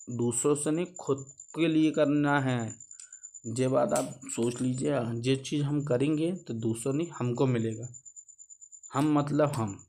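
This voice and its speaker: A man's voice: medium pitch, warm tone. Earnest man teaching devotional practice. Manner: repetitive, earnest, patient explaining; asks himself questions and answers them. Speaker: tantric spiritual teacher. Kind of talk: devotional advice talk.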